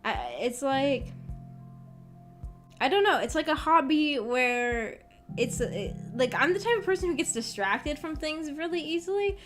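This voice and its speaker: With music playing in the background, this young woman talks to her livestream chat in a hesitant, self-effacing, rambling way. Her high voice is fairly bright, lively in intonation, and unhurried.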